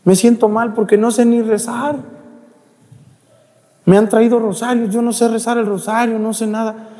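A man's voice: medium pitch, steady tone, measured pace, gravelly, warm tone, big-room sound. A man voicing a tearful, regretful dying older man, pleading in a raised, strained voice. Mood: sorrowful, regretful.

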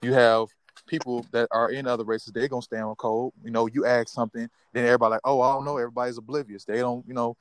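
A man's voice: medium pitch, level tone, fast, no echo. Reflective man, dry close sound. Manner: reflective, rambling, fills with "you know". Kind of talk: casual discussion.

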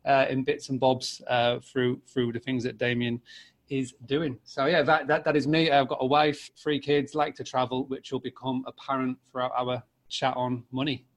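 A man's voice: mid-range voice, level tone. A man, chatting casually as a podcast guest, often laughing. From Scarborough, North Yorkshire, England. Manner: easygoing, laughs often, halting restarts. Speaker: podcast guest, business founder. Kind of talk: casual chat.

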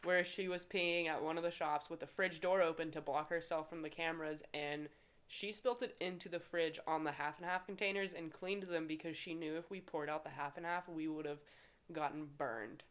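A woman with a somewhat low voice, chatting casually. She tells stories animatedly and acts out the quotes she recounts. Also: fairly even intonation, moderate pace, smooth. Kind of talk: casual chat.

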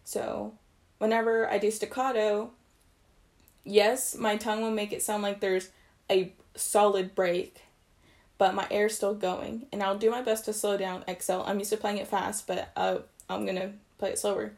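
Speaking at normal speed in a level, mid-range voice with vocal fry and a darkish tone, a young trumpeter walks through articulation basics in a casual video. She's talkative, fixes her own slips along the way, and explains things loosely.

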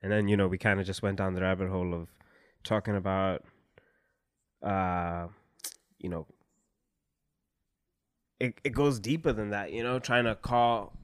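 A man's voice: lowish voice, measured pace, long pauses, clean tone, dry recording, studio quality. A young man co-hosting a podcast in casual, slangy chat, full of fillers and laughs. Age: young adult. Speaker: podcast co-host.

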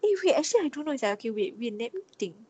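Young Singaporean woman, slightly high voice. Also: big pitch swings, racing, darkish tone, husky. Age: young adult. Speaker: podcast guest. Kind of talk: casual chat.

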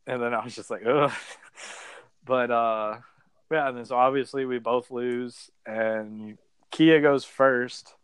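A young adult man, a reality game contestant appearing as a podcast guest, tells a story slowly in a clear, resonant mid-range voice with fairly even intonation. He's chatty, uses "like" a lot, and dramatizes quotes. The recording is dry.

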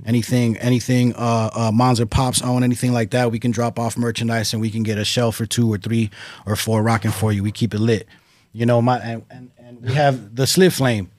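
Slangy male rapper pitching, dry sound. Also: little pitch movement, fairly quick, a little mellow, no echo. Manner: slangy, repeats catchphrases and words for emphasis. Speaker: rapper promoting merchandise and music. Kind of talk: casual promotional chat.

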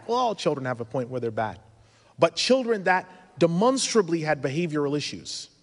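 A man's voice: a little high, slightly rough. A man in his thirties with a foreign accent, giving an earnest religious lecture at a conference, full of advice and rhetorical questions. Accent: foreign accent he mentions himself. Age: 30s. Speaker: conference speaker. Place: conference hall. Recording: reverberant conference hall.

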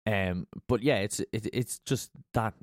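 Exasperated low-voiced man. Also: measured pace, no echo, studio quality. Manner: exasperated, blunt, swearing. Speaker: podcast co-host. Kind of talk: casual political chat.

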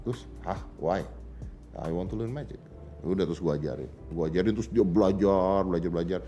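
In a podcast studio, a deep-voiced father of a teenager appears as a guest and tells an emotional story at a brisk clip, acting out the dialogue in English quotes. The audio is muffled and there's music underneath.

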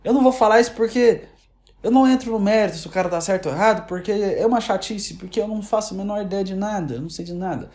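Brief: Brazilian woman, casual sarcastic commentary, rambling restarts, warm dark tone. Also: mid-range voice, fast. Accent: Brazilian Portuguese. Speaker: online commentator. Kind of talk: casual opinion rant.

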